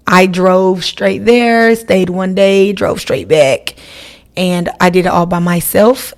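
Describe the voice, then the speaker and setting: Speaking straight to her audience, this podcast host rambles through a laid-back solo chat. Her voice is fairly low and a little mellow.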